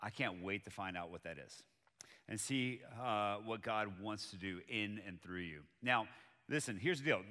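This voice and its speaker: Bright-voiced pastor in a reverberant hall. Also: male voice, mid-range voice. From Colombia. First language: Spanish. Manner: conversational, personal preaching. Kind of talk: sermon. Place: church auditorium with live audience.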